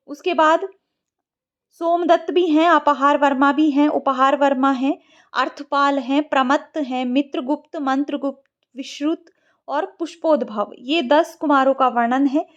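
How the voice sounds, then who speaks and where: Woman, patient exam-prep teacher, high voice, slightly muffled lo-fi recording. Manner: patient, repeats words slowly to model pronunciation. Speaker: Sanskrit teacher.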